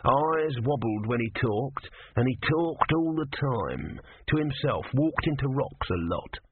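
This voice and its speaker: A tiny, outraged male tortoise god, voiced by a man, hurling slow, grandiose curses. His voice sits high above the reader's own and has a strange, altered colour. It comes through a thin, phone-like line. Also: animated, a little hiss or hum, close to an everyday voice. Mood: dry, grumbling. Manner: indignant, spits theatrical curses. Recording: tinny phone-like audio.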